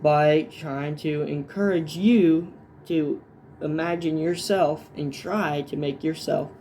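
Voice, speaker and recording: Man narrating a history video, mellow voice. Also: fairly high pitch, steady tone, takes it slowly, slight background noise. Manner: reads scripted lines then adds offhand asides; fillers and restarts between points. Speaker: video essay host. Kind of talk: semi-scripted history narration.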